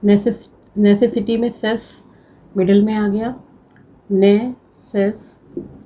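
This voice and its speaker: A shorthand teacher with a warm, medium-pitched voice and little pitch movement goes through words one by one, slowly and patiently repeating them to drill them. Her slow classroom explanation comes through on a rough recording.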